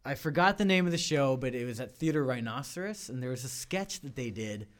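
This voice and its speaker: A man's voice: medium pitch, animated, fairly quick. A man being interviewed about his improv and sketch work, talking loosely with many fillers and restarts. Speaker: improv and sketch performer, guest. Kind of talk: casual interview chat. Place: studio. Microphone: studio microphone.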